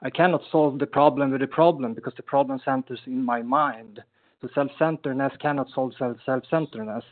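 A man sharing earnestly at a support meeting over a crackly phone line that fades in and out. He talks haltingly, with many restarts. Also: medium pitch, fairly even intonation. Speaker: member sharing at a recovery meeting. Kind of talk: personal share in a support meeting. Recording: tinny, narrow phone line.

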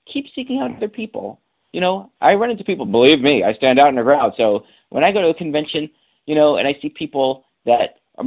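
A man answering a question at a recovery meeting, giving casual, emphatic advice with street slang and a lot of repetition. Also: medium pitch. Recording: tinny phone line.

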